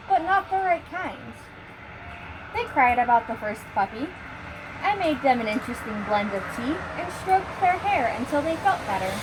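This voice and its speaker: A woman's voice: high-pitched, noisy background. A woman host reading a scripted short story aloud. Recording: music behind the voice.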